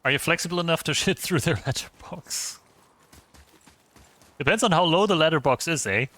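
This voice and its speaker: A man's voice: a little high, moderate pace, bright, forceful tone. Chatty man streaming a game. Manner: chatty, rambling, swears casually, many restarts. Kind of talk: casual gaming commentary.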